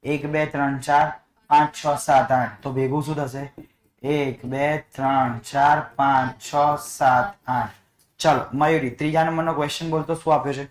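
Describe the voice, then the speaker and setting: A male math teacher leads a classroom lesson in a flat, normal-speed delivery, his voice a touch high for a man. He coaxes answers from his students by repeating the same questions over and over. The classroom rings with echo.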